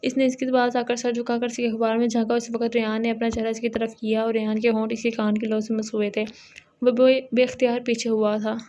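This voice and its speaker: Woman narrator for a romance audio novel, even tone, plain steady read. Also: a little high, brisk.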